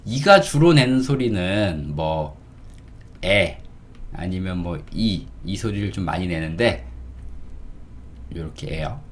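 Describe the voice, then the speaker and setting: Slow, animated teacher, low voice. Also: male voice. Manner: slow, drawn-out teacher, asks "그쵸?" often. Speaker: English teacher. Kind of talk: casual spoken lesson.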